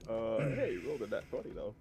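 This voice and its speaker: A man's voice: fairly low pitch, expressive, fast talker, mellow. A man chatting casually as a player in a tabletop roleplaying game. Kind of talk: casual chat.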